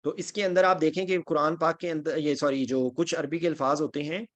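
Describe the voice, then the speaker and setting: A man's voice: fairly high pitch, fairly even intonation, a little fast. A man teaching an online Quran grammar class, patiently explaining and reciting lists of Arabic word forms, checking in with his students often. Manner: patient, repeats "theek hai?" to check understanding.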